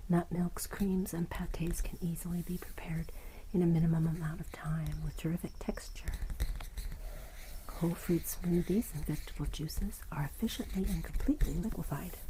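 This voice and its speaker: A woman speaking in a hushed, soft-spoken ASMR whisper, murmuring commentary as she reads items aloud. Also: on the low side, fairly even intonation, moderate pace, rough recording. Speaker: ASMR video host. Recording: close recording with clear background noise.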